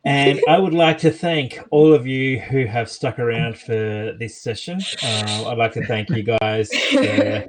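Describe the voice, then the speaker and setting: A man's voice: medium pitch, unhurried, few pauses, poor audio. A man, the game master, chatting loosely with plenty of fillers as he wraps up a stream. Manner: relaxed, rambling with fillers. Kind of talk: casual stream chat.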